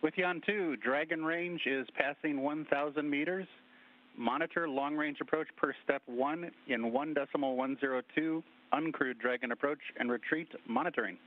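A man's voice: on the high side, moderate pace. Man's clipped calls over a tinny mission radio loop. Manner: crisp and clipped. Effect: mission radio loop, like a sci-fi communicator. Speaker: ground controller.

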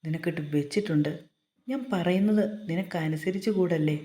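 A woman's voice: lowish voice, normal speed, warm tone, natural voice. A woman voicing a short-tempered young man who scolds and gives curt orders. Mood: scolding. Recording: roomy echo.

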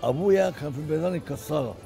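An elderly man with an Egyptian Arabic accent, a restaurant owner answering interview questions outdoors on a street, halting and repeating himself. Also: fairly high pitch, gravelly, dark tone, soft background music. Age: older. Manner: halting, repeats the host's words, stumbles and restarts.

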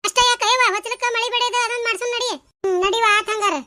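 A woman's voice: extremely high pitch, fairly even intonation, racing, bright, forceful tone. A woman with a North Karnataka Kannada accent voicing chatty, bossy village women at a wedding in a cartoon, talking in a teasing, gossipy way. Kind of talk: cartoon voice acting.

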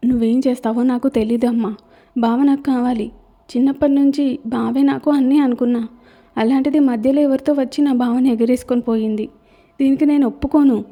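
A jealous, possessive young woman voiced by a woman narrator shouts demanding lines in a storybook reading. The voice is a touch high and very mellow in tone. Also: steady tone, brisk. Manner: shrill, demanding.

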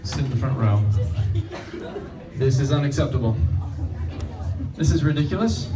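A man's voice: medium pitch, lively intonation, normal speed, over loud music. A man hosting a live stage hypnosis show, giving commanding, repeated short instructions to volunteers. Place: large crowded indoor hall. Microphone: far audience camera. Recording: distant, echoey hall with noisy crowd. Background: audience noise and laughter.

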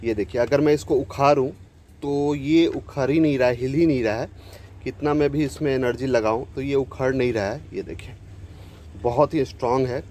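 A man's voice: medium pitch, steady tone, moderate pace, dark tone, a little hiss or hum. A man talking viewers through a hands-on repair outdoors in a chatty tutorial style, mixing in English words as he works. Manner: chatty, addresses viewers as friends, Hindi mixed with English words. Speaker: DIY repair video host. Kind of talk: casual tutorial narration. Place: outdoors beside a scooter.

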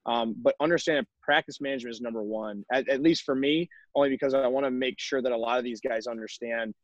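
Fast-talking man coaching on a video call. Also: mid-range voice, no echo. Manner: emphatic, repeats points with "right?". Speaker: college baseball coach. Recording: dull, dry video-call audio.

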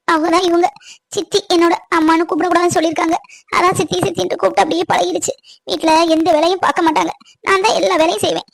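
A woman doing a tearful, gentle young woman. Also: extremely high pitch, vocal fry, no room sound. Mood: pleading. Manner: pleading, sorrowful. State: crying. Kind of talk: cartoon voice acting.

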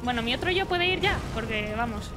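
A young woman's fairly high, expressive voice moves fairly quickly as she provides playful live commentary on her game. The streamer talks to the enemies and the game boss and often yelps and swears when she's hit, while game music plays.

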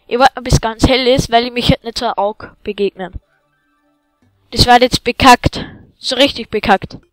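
A woman giving excitable let's-play commentary, yelling at enemies and chatting to viewers, with faint game music behind. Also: on the high side, measured pace, clear, resonant tone, no room sound, rough recording.

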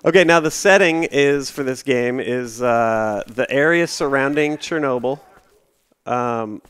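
A man's voice: mid-range voice, a little slow, fairly bright tone, smooth, no room sound. Rambling man giving game commentary. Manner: rambling, explains the game to a friend. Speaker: let's-play host.

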